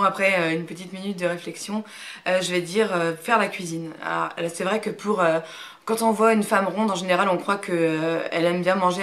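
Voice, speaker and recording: A woman in her thirties from Brittany, talking to camera in a casual, hesitant way with lots of fillers, frank and reserved. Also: lowish voice. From Brittany, France. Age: 30s. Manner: hesitant, many fillers and restarts. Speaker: YouTuber. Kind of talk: casual talk to camera, answering a question tag.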